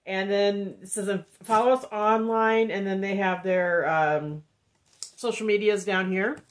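A woman speaks at a measured pace with a steady, medium-pitched tone. She's an Indiana wax melt reviewer doing a casual haul vlog indoors at home, nasal from a head cold, rambling with lots of ums and reading cards aloud.

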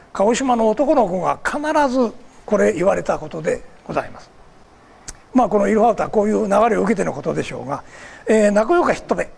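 A man's voice: high voice, creaky, a little mellow, slightly rough. An older man from Kagoshima giving a formal public lecture, polite and digressive, with many fillers between phrases. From Kagoshima, Japan.

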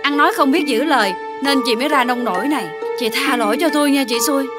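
A woman's voice: sits high, fast, loud music behind the voice, natural voice. An actress playing a scheming middle-aged mother-in-law in a TV drama, pleading and wailing melodramatically. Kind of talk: TV drama acting.

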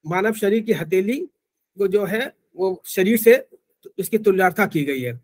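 A man's voice: high voice, lively intonation, measured pace, darkish tone. A man teaching acupressure in an online class, explaining informally with frequent restarts and fillers.

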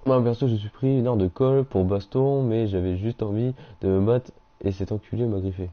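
A young man chatting casually on a game live stream, reading out viewers' messages and answering them in slangy, relaxed talk. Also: fairly low pitch, a little fast. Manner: slangy, reads chat aloud and answers viewers. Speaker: gaming streamer. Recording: dull lo-fi stream audio.

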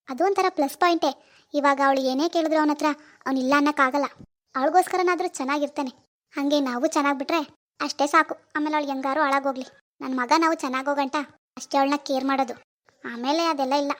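A woman voicing a scheming, two-faced older mother-in-law in an animated family drama, sighing and wheedling, then sly and scornful. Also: high voice, lightly acted.

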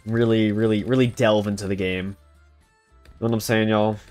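Faint music plays behind this young streamer, whose lowish voice is a little mellow, fairly even in intonation and at normal speed. His casual live commentary on a co-op tower defense game is rambling and filler-heavy, full of "like" and restarts as he talks to chat and friends.

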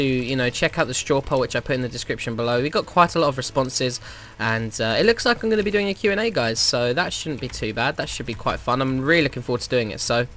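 A man talks quickly through casual gameplay commentary, rambling and correcting himself as he goes. His voice is mid-pitched and sounds stuffy from a slight cold. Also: a bit bright. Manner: rambling, chatty, self-correcting. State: has a slight cold, sniffly morning voice. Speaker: gaming YouTuber.

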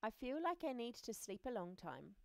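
A woman voicing a gentle, sleepy little male caterpillar in a storybook read-aloud, speaking softly and earnestly. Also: on the high side, very animated, normal speed, vocal fry, dry recording. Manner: soft, earnest, sometimes hushed.

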